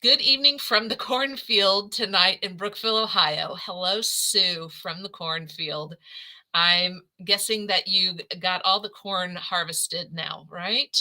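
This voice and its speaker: A middle-aged woman hosts a live scrapbooking demo in a casual, chatty way. Her voice is very bright with a keen, sharp edge, and she sits at an average pitch for a woman. She talks effusively, warmly calling out her viewers by name. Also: fairly even intonation, slow pace, rough recording. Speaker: host of a live scrapbooking stream. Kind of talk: casual livestream craft demo.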